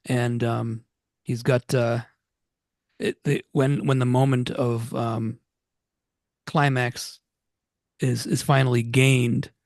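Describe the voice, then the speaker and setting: A man's voice: mid-range voice, flat delivery, takes it slowly, pauses often, darkish tone, dry recording, clean studio sound. A man from Massachusetts chatting casually on a video call at an online poetry gathering, rambling with many restarts. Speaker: poetry reading attendee. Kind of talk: casual chat.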